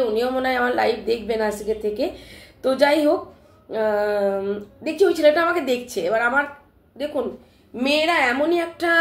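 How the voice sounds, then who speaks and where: A woman retelling a personal scare to her live-stream viewers in an animated, emphatic way, often checking in with her listeners, while her throat is still sore. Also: high voice, echoey room. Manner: animated, emphatic retelling with frequent "ঠিক আছে?" check-ins. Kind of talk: casual live-stream storytelling.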